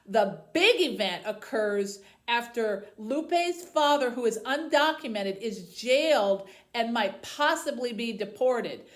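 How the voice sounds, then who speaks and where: A youth services librarian hosting a book program speaks to tweens in a fairly high voice. Her pitch rises and falls with lots of animation, yet she keeps a slow, deliberate pace, like a book talk or read-aloud.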